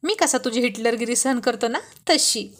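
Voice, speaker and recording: Woman reads a sharp-tongued young male boss, loud and scolding, a bit high. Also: normal speed, lightly acted. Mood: teasing. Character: stern angry male office boss, young husband.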